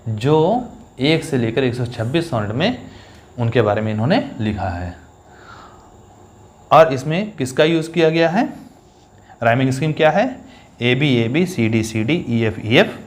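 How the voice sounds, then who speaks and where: Male teacher, mid-pitched, patient step-by-step exam coaching, slow syllable-by-syllable reading. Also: slight background noise. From India. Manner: explains step by step, reads lines slowly with stress on each syllable. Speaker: English teacher. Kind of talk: exam-focused poetry lesson.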